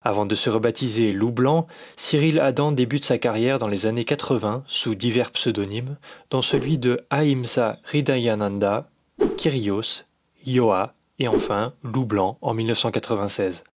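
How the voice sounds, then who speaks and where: A man reading a scripted documentary voice-over in a measured, dryly critical manner. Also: mid-range voice. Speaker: documentary narrator. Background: music.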